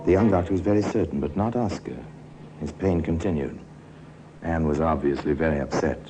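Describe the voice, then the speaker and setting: With an extremely low pitch and slightly quick pace, a man narrates a 1950s radio crime drama as its host, ruminating wryly and insinuatingly like a storyteller who knows more than he says. The tone is ominous and measured, and the old recording carries music and background noise.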